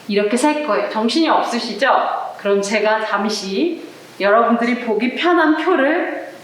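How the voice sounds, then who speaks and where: A woman's voice: a little high, lively intonation, moderate pace, distant mic. A woman teaching a flamenco rhythm class to viewers, talking in a friendly way and counting beats aloud while seated indoors. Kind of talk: online arts class lesson. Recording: very echoey room, voice off-mic.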